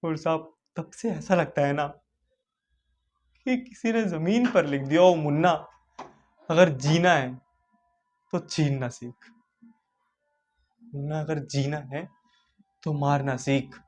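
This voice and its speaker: A man's voice: fairly high pitch, slow pace, long pauses, darkish tone, soft background music. An actor playing a poor young man who pleads with a sir about a childhood of hunger, in an audition monologue. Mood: grief-stricken. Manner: pleading, addressing a sir again and again.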